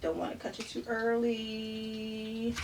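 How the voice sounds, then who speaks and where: A woman's voice: on the high side, steady tone, slow pace, heavy background noise. Chatty woman cooking over a sizzling pan. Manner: chatty and upbeat, often laughing. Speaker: cooking show host. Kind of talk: live cooking demonstration. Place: home kitchen. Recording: distant mic with loud sizzling pan.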